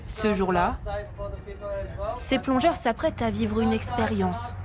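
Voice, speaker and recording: A woman narrating a scripted nature documentary travel report in a measured voice-over with dramatic phrasing. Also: on the high side. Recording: voice-over mixed with prominent music. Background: music under the voice.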